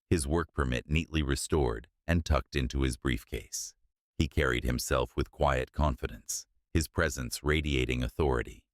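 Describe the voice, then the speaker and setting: A man narrating a scripted story in a steady, measured way. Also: very deep voice, no room sound, studio quality.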